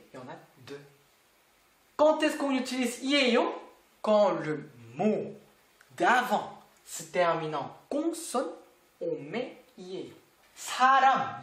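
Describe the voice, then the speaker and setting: A language teacher walks through a lesson slowly and patiently, repeating each word and asking the learner questions back. The pitch rises and falls a lot as they explain. The voice sounds roomy, with a clear echo. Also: fairly bright tone.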